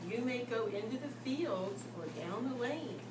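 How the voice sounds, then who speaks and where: An old storybook mother rabbit, voiced by a woman reading to a toddler gives careful, motherly warnings. The pace is slow and the sound is roomy, with loud noise around it. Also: on the high side, natural voice. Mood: gentle warning. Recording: roomy, distant mic, loud background noise.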